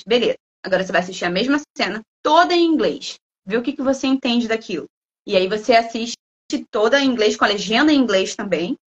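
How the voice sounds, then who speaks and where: A woman from Brazil, a guest speaker who talks in a lively, playful way and acts out imagined students' lines. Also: on the high side, fast, dull audio. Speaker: guest speaker, language school head. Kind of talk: lively talk in a livestream.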